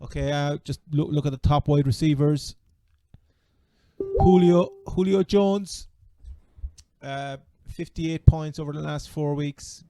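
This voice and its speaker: A man with a Cork Irish accent chatting casually as a sports podcast host, halting and repeating words as he goes. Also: a little high, dark tone. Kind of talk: casual fantasy American football chat.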